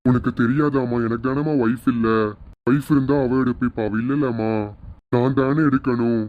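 A widowed older father-in-law, played by a woman greets his guests warmly. The voice sits low and the recording sounds dull and lo-fi. It is an amateur family serial. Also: fairly even intonation, normal speed. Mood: welcoming. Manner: warm and hospitable.

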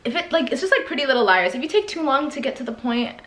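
Young canadian woman chatting about tv, kinda high voice, roomy echo. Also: animated, fast, a bit bright. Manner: chatty, emphatic, trails off and restarts. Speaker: co-host reviewing shows. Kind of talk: casual chat.

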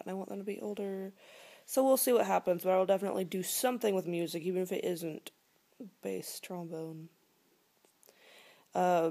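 In a living room at home, a woman in her twenties vlogs casually to a phone or laptop camera held close, rambling with plenty of fillers and sometimes dropping to a whisper. Her voice is lowish and warm.

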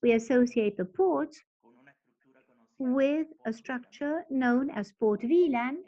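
A woman giving a technical presentation in a halting, stop-start way, interpreting for the speaker. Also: high-pitched. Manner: halting, stop-start delivery while explaining. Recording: dull lo-fi webinar audio.

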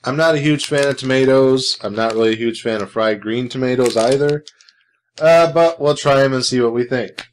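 Man, food review host, casual vlog talk, dry sarcasm, rambling, mid pitch. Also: normal speed, a little hiss or hum.

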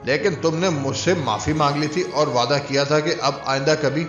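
Male narrator doing a timid young woman, in his own voice, soft music under. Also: a little high, steady tone, close to an everyday voice. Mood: wary. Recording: dull roomy recording, faint music.

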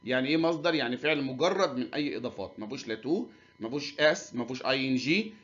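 A man's voice: medium pitch, fairly bright tone. Egyptian man teaching English grammar, lo-fi. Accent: Egyptian Arabic. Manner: reads English examples slowly, then explains quickly. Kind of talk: grammar lesson explaining English in Arabic. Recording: dull lo-fi recording.

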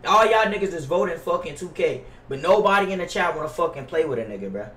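Animated and quick, a young American man with a somewhat high, bright voice complains profanely and in slang to his stream viewers as he plays a basketball video game indoors. A roomy, distant mic catches him over faint noise.

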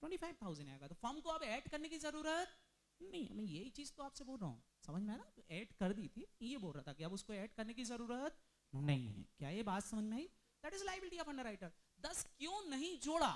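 A man's voice: extremely high pitch, very animated. Man drilling a class with questions. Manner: drills students with rapid questions; mixes Hindi with English terms. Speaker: commerce teacher. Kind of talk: classroom lecture.

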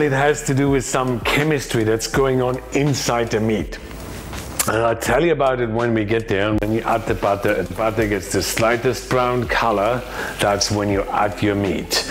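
A man, explaining a cooking lesson to camera in a home kitchen, chatty and emphatic. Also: fairly low pitch. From Austria. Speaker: chef and cooking teacher.

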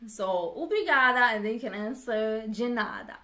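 Brief: woman vlogger, a slow, chatty learner repeating phrases, voice pitched a little high. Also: animated, pushed and bright. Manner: chatty and playful, repeats words aloud. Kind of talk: casual chat, repeating phrases after a lesson.

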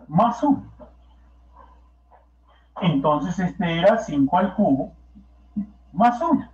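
Male Peruvian Spanish math teacher, high animated voice, slow, echoey room. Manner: coaxing, peppered with rhetorical questions. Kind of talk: classroom lecture. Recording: echoey, dull lo-fi classroom recording.

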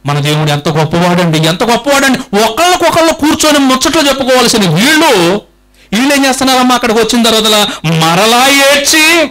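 A man's voice: high-pitched, poor audio. A man preaching a sermon, firing rhetorical questions at the congregation and repeating phrases for emphasis. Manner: animated, emphatic repetition.

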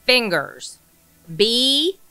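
A woman co-hosting a casual game night, reading quiz questions aloud slowly and giggling at her own lines. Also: fairly high pitch, sing-song, pushed and bright, smooth, poor audio. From American South. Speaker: quiz reader and co-host.

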